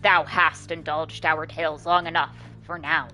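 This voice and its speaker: Lady doing an old swamp serpent witch, solemn n deliberate, talks all archaic, game music under it. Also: sits low, little pitch movement, bright, forceful tone, voice pushed down, rough recording. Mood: brooding. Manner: slow, deliberate, archaic formal speech.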